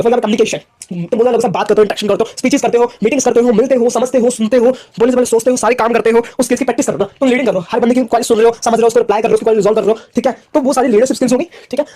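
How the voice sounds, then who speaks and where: A young man giving a casual classroom lecture on business communication, talking in quick repetitive bursts and asking his students whether they follow. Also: very high voice, darkish tone. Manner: rapid, repetitive, asks "theek hai?" often. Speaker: commerce lecturer.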